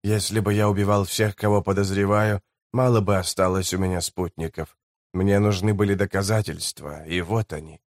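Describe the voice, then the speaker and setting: A man's voice: deep voice, steady tone, normal speed, no echo, studio quality, pitched below the performer's own voice, lightly acted. Man doing a muttering grim old-world guide. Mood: curt. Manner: hushed, terse muttering. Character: grim wary male guide, curt and bitter.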